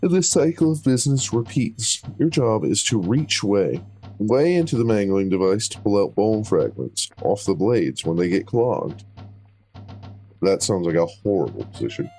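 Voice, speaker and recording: A man's voice: fairly low pitch, very animated, moderate pace, dark tone, soft background music. A man hosting a let's play, reading a game's dialogue aloud with playful voices for each character and dropping casual asides. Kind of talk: reading game dialogue aloud while playing.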